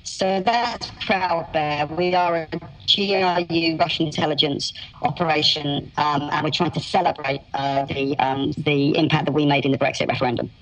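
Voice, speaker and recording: A man whose voice is electronically altered for anonymity, explaining things in measured, articulate detail as an interview guest. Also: a little high, fairly even intonation, fairly bright tone, rough recording. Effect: electronically altered voice to disguise identity.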